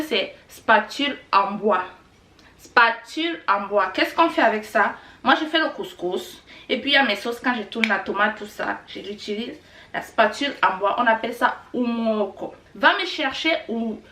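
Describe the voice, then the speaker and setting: A language-teaching vlogger from Rwanda, a middle-aged Kinyarwanda speaker, has a somewhat high and fairly bright voice. Her casual lesson is chatty and repetitive with lots of fillers, captured in an echoing room with the mic a little distant.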